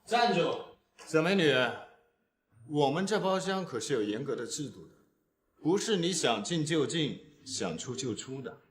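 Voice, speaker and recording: A man's voice: fairly high pitch, very animated, unhurried, roomy sound, slight background noise. An actor playing a sleazy, pushy male businessman who leers and bosses others around in a TV drama. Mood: bullying. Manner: leering, bossy. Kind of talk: TV drama acting.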